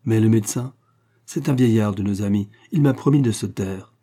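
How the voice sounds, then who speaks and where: A hearty, loyal middle-aged farmer, jovial and earnest, with a low, mellow voice, as a man reads him. He talks plainly and warmly in this storybook reading. The sound is slightly husky. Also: normal speed, natural voice.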